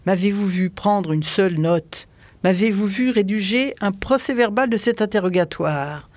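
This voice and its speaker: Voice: mid-range voice, normal speed, a little mellow, no echo, close to an everyday voice. A reader voicing a probing police commissioner. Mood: urgent. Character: patient, probing middle-aged male police commissioner.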